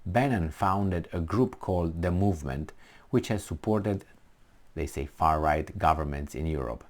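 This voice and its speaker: A man, originally from Romania, giving blunt, defiant political commentary in a casual, animated way, with many restarts and fillers. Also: sits low, a little slow.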